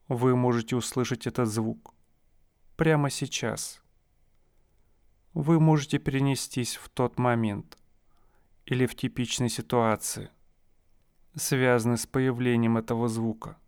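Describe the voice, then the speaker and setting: A man guiding a listener through a hypnosis session, speaking in slow, soothing, suggestive phrases. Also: mid-range voice, clear, resonant tone, no room sound, clean studio sound.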